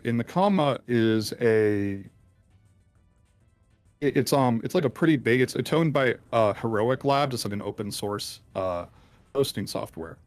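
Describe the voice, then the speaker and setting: A man speaking through a deep, pitch-shifted voice changer as an interviewed hacker, explaining in a hesitant, rambling way with many ums and restarts. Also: dry recording. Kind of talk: casual call-in interview.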